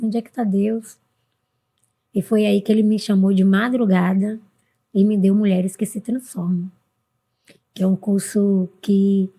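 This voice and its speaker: A middle-aged woman from Brazil, a guest on a podcast, talking earnestly and warmly about her life and her mother, sometimes jumping high in pitch when she quotes others. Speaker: podcast guest, mentor for women. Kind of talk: casual interview talk.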